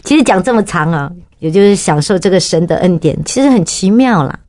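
Animated woman telling a faith story. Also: brisk, no echo, studio quality. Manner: lively storyteller, bursts into high excited pitch when reliving moments. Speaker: guest giving a testimony.

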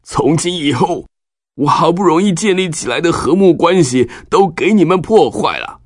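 Casting: male storyteller as lamenting old father, raised pitch, reproachful and distressed, children's Bible tale. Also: lively intonation, moderate pace, no echo, studio quality. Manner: sighing, lamenting. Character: distressed old father scolding his grown sons.

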